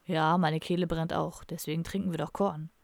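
A grumbling, cynical young drinker who mutters his dry, sardonic remarks low and unhurried, as a woman narrator puts him on. The voice has a gravelly edge and sounds close and dry, with no room around it. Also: flat delivery, no echo. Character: cynical hard-drinking young man, misanthropic metalhead.

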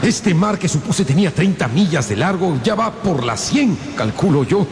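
An actor playing an impatient, stubborn older professor in a radio drama, with theatrical, exclamatory delivery. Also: male voice, sits high, very animated, normal speed, gravelly, exaggerated voice. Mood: weary, exasperated. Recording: loud sea and wind effects behind.

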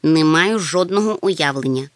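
Woman as a fussy bumbling creature scholar, lowered voice, mumbly, dry read. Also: lively intonation, no echo. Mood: pompous. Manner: mumbling, pompous, slow. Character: slow-witted fussy male insect collector creature.

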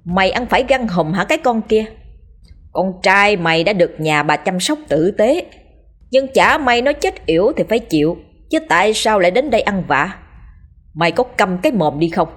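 A woman's voice: mid-range voice, animated, normal speed, natural voice. A woman voicing a cruel, murderous old landlady who bullies and threatens her servants. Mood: vicious scolding. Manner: harsh scolding, shouting threats.

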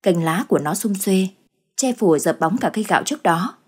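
A woman storyteller giving a measured, dramatic scripted narration of a ghost story. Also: medium pitch, lively intonation, breathy edge.

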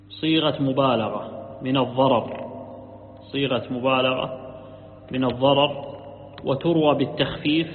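A man teaching a religious lesson, repeating key words, asking rhetorical questions, and correcting himself as he explains. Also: mid-range voice. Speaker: sheikh teaching a creed text. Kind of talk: religious lecture. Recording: echoey hall, tinny lo-fi line, faint hiss.

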